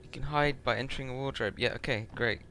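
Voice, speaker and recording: A man's voice: mid-range voice, quick pace, sharp tone, a little hiss or hum. A young man streaming a horror game, giving scared, jumpy live reactions full of swearing. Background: game music.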